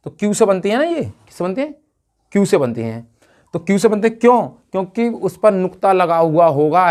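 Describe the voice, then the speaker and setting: Male teacher, slightly high voice, drilling students with repeated questions. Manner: asks the class questions and answers them himself, repeats key words. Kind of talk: whiteboard grammar lesson.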